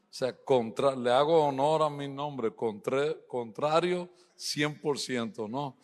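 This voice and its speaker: A middle-aged male preacher tells joking stories to his congregation in an easy, teasing way. His voice sits at an ordinary pitch. A long reverb trails each phrase through the church hall. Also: takes it slowly. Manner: joking storyteller, playful asides to the congregation. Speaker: guest preacher. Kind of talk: humorous sermon in a church service. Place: church sanctuary.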